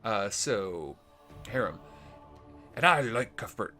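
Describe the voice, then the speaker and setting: A man casually commenting on a role-playing game he plays, thinking aloud with plenty of fillers, his voice going hoarse. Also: fairly low pitch, animated, slow pace, pushed and bright, faint music behind. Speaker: let's play host. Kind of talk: casual gameplay commentary reading dialogue aloud.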